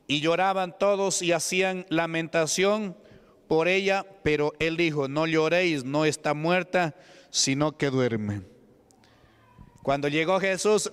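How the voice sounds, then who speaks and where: Peruvian preacher in a reverberant church hall. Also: male voice, on the high side, fairly bright tone, clean tone. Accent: Peruvian Spanish. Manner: emphatic, calls out to the congregation. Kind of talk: evangelical sermon.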